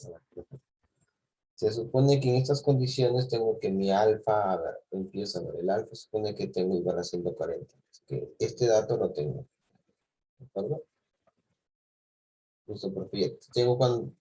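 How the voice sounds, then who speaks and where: In a low-quality recording, a man with a fairly low, dark, slightly rough voice teaches a clock-angle problem with patience. He restarts phrases now and then and often checks in with "¿sí?" and "¿de acuerdo?".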